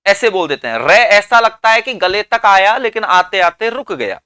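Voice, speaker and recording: A male teacher with an Indian English accent runs a classroom grammar lesson, posing questions to his students and answering them himself. His voice is bright and crisp. The recording is close and dry. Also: high voice, dry recording. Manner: explains slowly, asks and answers his own questions.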